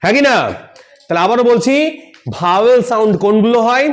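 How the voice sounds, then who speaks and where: A man's voice: high-pitched, quick pace. A man teaching English grammar in style, asking questions and answering them himself, often checking "yes or no". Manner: repeats key points, checks with "Am I clear? Yes or no?". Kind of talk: classroom-style grammar lesson.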